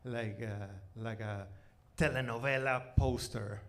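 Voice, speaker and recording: Performing live on a comedy club stage, a forty-year-old man with a Venezuelan accent, Spanish being his native language, tells stand-up stories in a conversational way. His delivery is halting and repetitive, filled with "you know" and "like", at medium pitch with fairly even intonation. Noise from the club fills the recording.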